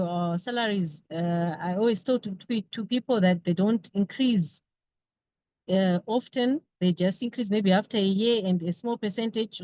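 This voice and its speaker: A woman speaks earnestly over a video call. Her mid-pitched voice comes through muffled and dry, with no room sound. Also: warm tone, dry recording. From Zimbabwe. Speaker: systems engineer sharing a testimonial.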